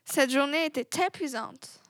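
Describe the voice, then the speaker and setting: A woman's voice: high-pitched, normal speed, a bit bright, dry recording, clean studio sound. A woman with an English accent playing a chatty young Englishwoman on holiday, in an amateur skit. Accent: English-accented French.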